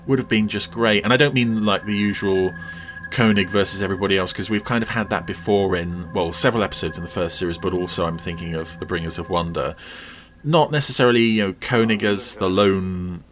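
A man's voice: sits low, fairly even intonation, brisk, fairly bright tone, faint music behind. A man hosting a podcast, commenting on a TV episode in a chatty, rambling way with playful asides. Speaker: podcast host.

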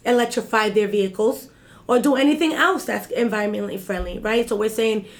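This guest in a casual interview is a woman in her 30s who runs an activist group as its executive director. She talks a little fast in a mid-range voice, hammering her points through repetition and tossing in "right?" to check in.

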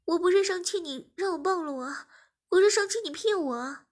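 A woman voicing a shy, easily flustered young woman who pleads and pouts in a raised voice. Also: moderate pace. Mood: flustered pleading. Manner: high, pleading and pouting.

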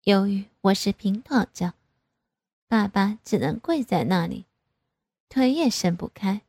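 A woman narrating a first-person story in a soft, even reading voice. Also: mid-range voice, unhurried, breathy edge, no echo.

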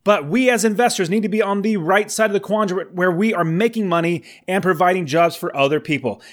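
A man's voice: high voice, fairly quick. A man of forty hosting his podcast, talking in an enthusiastic, encouraging way, with some fillers and restarts. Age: 40s. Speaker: podcast host. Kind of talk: upbeat podcast monologue.

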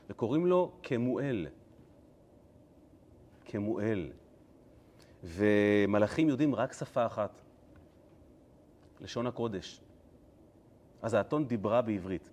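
A male rabbi gives a Torah lesson with a lot of humor. His pitch is medium but very lively, rising and falling as he acts out the story. He sounds animated and playful.

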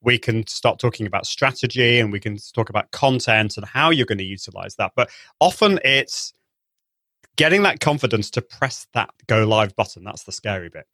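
A man's voice: lowish voice, expressive, moderate pace, pushed and bright, dry recording. A man giving an interview as a live video trainer, explaining enthusiastically with many restarts, with a trained singer's voice. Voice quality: trained singing voice. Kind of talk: interview over a call.

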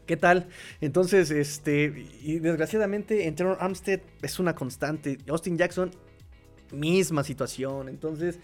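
Excitable man hosting a sports show. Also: a little high, measured pace, soft background music. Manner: animated, excitable, with many fillers and restarts. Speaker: podcast host. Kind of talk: casual sports talk, reading viewer comments.

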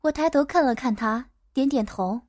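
A woman narrating a first-person story in a steady audiobook manner. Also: high-pitched, moderate pace, no echo, clean studio sound.

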